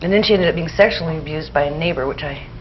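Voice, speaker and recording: A middle-aged woman speaks haltingly and emotionally as a therapy client, quietly repeating phrases. Her voice is very low for a woman. The recording is dull and lo-fi, with a faint hiss.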